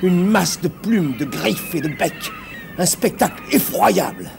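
A man's voice: high-pitched, lively intonation, a little slow, vocal fry, noisy background. Man telling a spooky tale theatrically. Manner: theatrical, sinking to hushed tones and rising to cries. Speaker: storyteller. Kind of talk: dramatic storytelling on television. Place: television studio set of a haunted castle.

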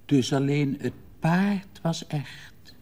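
A man's voice: fairly high pitch, takes it slowly, a little mellow, voice pushed up. A man reading as a timid little girl. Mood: wondering. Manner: small, hesitant questions. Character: pale, quiet little girl, timid and earnest.

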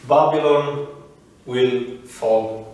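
Man, preacher, halting short phrases, restarts, echoey hall, distant mic. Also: mid-range voice, darkish tone. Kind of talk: sermon with interpreter.

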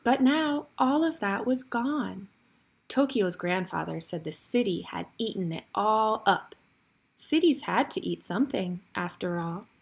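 A woman reads a storybook aloud for young children, giving it an expressive delivery. Her medium-pitched voice is slightly breathy and husky, and she reads a little slowly.

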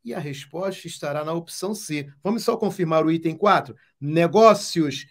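A man's voice: on the high side, moderate pace. A Brazilian man teaching Portuguese exam prep, explaining step by step with emphatic, repeated catchphrases. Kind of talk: exam-prep lesson at a whiteboard.

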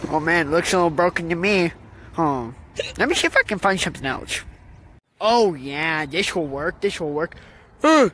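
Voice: mid-range voice, animated, moderate pace, noisy background, close to an everyday voice. A performer voicing a whiny, mischievous kid who frets and panics easily. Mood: grumbling. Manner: whiny, fretful. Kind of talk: fan puppet video acting.

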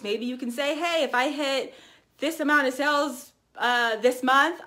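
Chatty higher-voiced woman giving a training. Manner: chatty, energetic, lots of fillers and restarts. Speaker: team trainer. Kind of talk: casual training talk to camera.

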